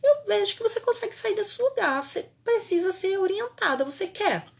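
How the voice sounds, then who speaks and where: A woman quoting a kind, encouraging female coach who offers her help, in a brisk and upbeat way. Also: extremely high pitch, expressive, vocal fry, voice pushed up, full character voice.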